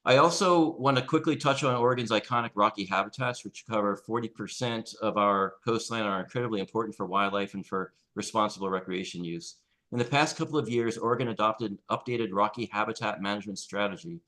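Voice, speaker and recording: Lowish guy, reading his commission testimony over a call. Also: fairly quick, pushed and bright, rough recording. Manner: reads formally from prepared remarks. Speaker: public commenter for a conservation group. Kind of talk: prepared public testimony.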